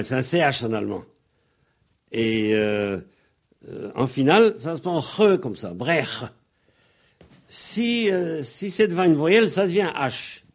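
A man on the radio patiently explaining pronunciation like a teacher, spelling out letters and pausing on fillers. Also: medium pitch. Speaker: guest explaining Breton pronunciation.

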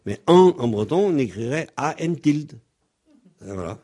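A man's voice: fairly high pitch, big pitch swings, moderate pace, dark tone, husky. A man teaching pronunciation, speaking hesitantly with frequent ums and spelling words out letter by letter. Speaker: Breton language teacher.

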